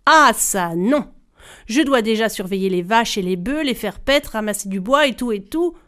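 A woman's voice: fairly high pitch, lively intonation, normal speed, a bit bright. A spoiled, lazy young girl , voiced by a woman telling a story, brushing off a request. She sounds whiny and put-upon, listing her chores with a sigh. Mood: dismissive.

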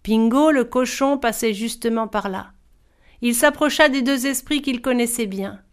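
A woman reading a folk tale aloud in a calm, deliberate way. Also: fairly high pitch. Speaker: narrator. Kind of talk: storybook reading.

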